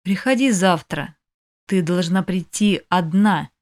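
A woman reading the lines of a calm, grave male sorcerer who serves vampires, in a quiet, measured voice. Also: fairly low pitch.

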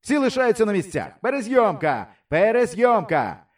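A man voicing an excitable, fussy male film director who barks commands and turns whiny. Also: sits high, moderate pace, distant mic, voice pushed up. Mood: shouting. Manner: shouting commands, turning whiny.

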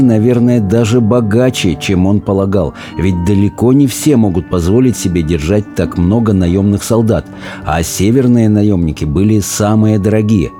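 Low, mellow male audiobook narrator. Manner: steady storytelling that slows and drops low at grim moments. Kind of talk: scripted narration of a fantasy novel.

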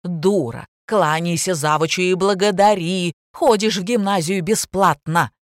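A woman voicing a coarse, loud working-class mother who shouts crude scolding in an audiobook. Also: on the low side, unhurried, no room sound, studio quality, close to an everyday voice. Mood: screaming.

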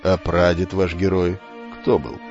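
A man voicing a wise old centaur, low measured voice, slow and calm, faint music, dull recording.

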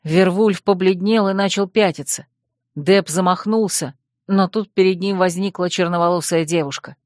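Audiobook narrator: measured, expressive delivery, mid-range pitch, dry close mic. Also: dry recording.

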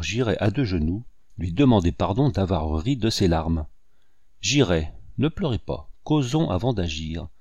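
A man giving a tender, expressive reading of a poem for an audiobook, measured, with dramatic swells. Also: low voice, dry recording. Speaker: audiobook reader.

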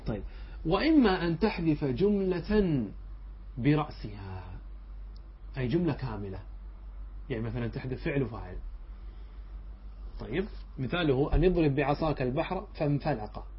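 A man's voice: fairly high pitch, lively intonation, moderate pace, pauses often, slightly rough. A man, a sheikh, giving a classroom lecture that explains a text line by line, asking his students questions and answering them himself. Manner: checks understanding with short asides. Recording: dull lo-fi lecture recording.

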